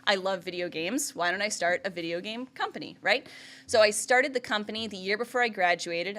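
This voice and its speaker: Presenting as an entrepreneur, this thirtysomething woman from Vermont has a lower, somewhat bright voice. She keeps things conversational with plenty of "like" and "right?" and frequent laughter.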